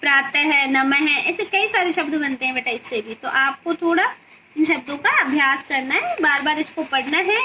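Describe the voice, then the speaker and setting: A woman teaching young children a Hindi lesson, patiently asking questions and answering them herself, and repeating words slowly so they can be pronounced. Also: sits high, noisy background.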